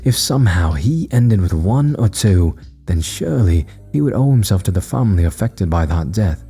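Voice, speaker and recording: A man voicing a composed, intimidating king in a horror story reading, formal and measured. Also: low-pitched, animated, dark tone, slightly rough, soft background music, full character voice.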